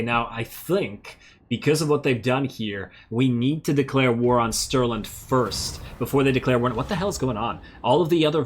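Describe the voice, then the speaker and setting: A man plays a strategy game as a let's-play host, giving casual, think-aloud commentary that's self-amused, while his voice seems to be slightly giving out. He has a mid-range voice with a breathy edge.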